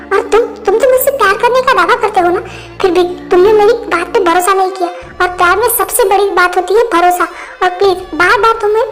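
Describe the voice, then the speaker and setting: A woman voicing a calm young partner who lectures in measured tones in a fan-dubbed drama. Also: extremely high pitch. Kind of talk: Hindi fan-dub voice acting.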